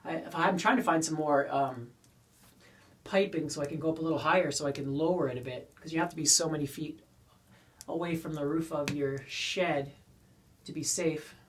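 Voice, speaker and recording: A man's voice: fairly high pitch, moderate pace. Canadian man chatting over his pipe, distant mic. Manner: talking while smoking a pipe. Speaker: pipe-smoking video creator. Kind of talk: casual rambling chat to viewers. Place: small wooden garden shed. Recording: distant mic, poor shed acoustics.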